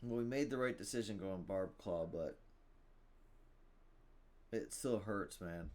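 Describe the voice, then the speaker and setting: A man's voice: on the low side, slow, darkish tone. A man casually commentating his own card game, thinking aloud, reading item text and groaning at bad luck. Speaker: gaming streamer.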